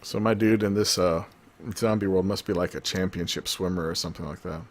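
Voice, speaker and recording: Deep-voiced man rambling over gameplay. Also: steady tone, brisk. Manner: rambling, joking to himself. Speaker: gaming video host. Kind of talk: let's-play commentary.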